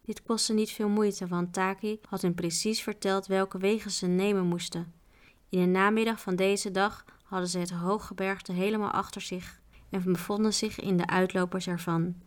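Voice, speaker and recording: A woman reading a children's novel aloud, with calm, even narration. Her voice sits at a middle pitch for a woman, and her pace is steady and unhurried. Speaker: storyteller reading a book aloud.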